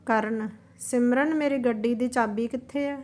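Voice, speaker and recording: A woman's voice: on the high side, steady tone, moderate pace, darkish tone, lightly acted. A woman voicing a stern, impatient father who speaks curtly.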